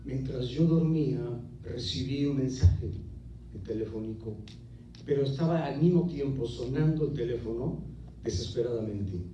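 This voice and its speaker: A man's voice: medium pitch, normal speed, warm tone, lo-fi sound, faint music behind. A man preaching a sermon in a church, telling a story with vivid drama. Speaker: pastor.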